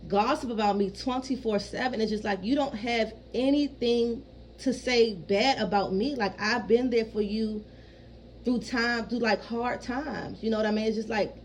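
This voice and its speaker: A fairly high-pitched woman in her thirties talks at a moderate pace in a casual personal vlog, the audio poor with slight background noise. Frank and rambling, she swears freely and keeps turning to listeners with "you know what I mean".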